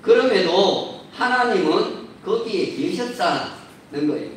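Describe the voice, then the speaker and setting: A man preaching a sermon as a pastor, measured and building to emphatic points, recorded in a church sanctuary. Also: high-pitched, a little hiss or hum. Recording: roomy echo, distant mic.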